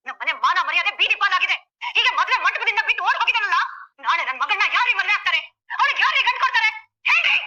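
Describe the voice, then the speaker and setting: A woman voicing a sharp-tongued woman of the bride's family, shrill and accusing. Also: rapid-fire, long pauses, muffled recording, full character voice.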